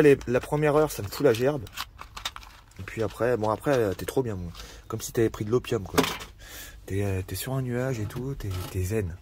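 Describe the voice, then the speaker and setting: A man's voice: on the low side, darkish tone, slight background noise. A man vlogging casually outdoors by a campfire, talking in slang and swearing freely as he rambles. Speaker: van-life vlogger. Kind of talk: casual vlog chat.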